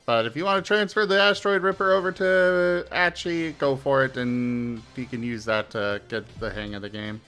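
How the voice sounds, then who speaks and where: Bright-voiced male streamer on headset audio. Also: mid-range voice, normal speed, few pauses, smooth, soft background music. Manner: upbeat greetings, easygoing and chatty. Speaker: streamer host. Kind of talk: casual livestream gaming chat.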